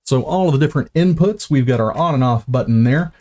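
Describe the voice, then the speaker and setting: A man's voice: medium pitch, lively intonation, fast, mellow. A man unboxing gear on a live stream, chatty and self-mocking, stumbling over words and starting lines again.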